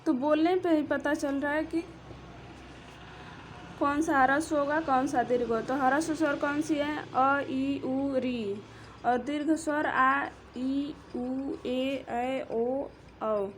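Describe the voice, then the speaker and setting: Woman, teacher, high voice, slow and deliberate, explanatory, faint background hiss. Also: steady tone. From India. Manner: slow, drawn-out, explanatory, counting letters aloud. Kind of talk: Hindi grammar lesson.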